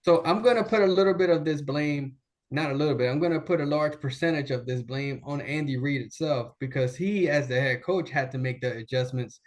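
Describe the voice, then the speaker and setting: A man's voice: on the high side, a little fast. A man co-hosting a casual sports debate from a video call, opinionated and rambling, restarting his sentences. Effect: remote voice over a video call. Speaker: sports show co-host. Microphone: laptop video call.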